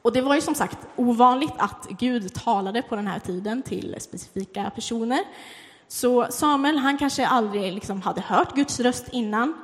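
A woman preacher giving a conversational devotional talk that retells a Bible story, with fillers and restarts. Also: on the high side. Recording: echoey hall with long reverb.

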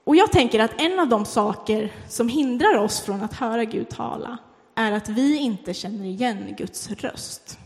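Woman preacher telling a bible story, chatty with lots of ums, fairly high voice, long hall echo. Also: expressive, creaky. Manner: conversational, with fillers and restarts. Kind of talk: devotional talk retelling a Bible story. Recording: echoey hall with long reverb.

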